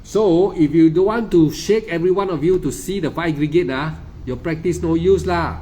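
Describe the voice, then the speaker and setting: A man's voice: a little high, moderate pace, dark tone, slight background noise. A man with a Malaysian English accent giving an emphatic, repetitive dharma talk as a meditation teacher, often stammering and restarting. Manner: insistent, lecturing.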